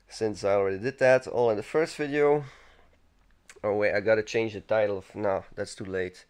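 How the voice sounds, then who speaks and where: Music runs beneath this man's casual gaming commentary as he plays, chatting in a loose, rambling way and frequently correcting himself. His voice is lowish with a darkish tone.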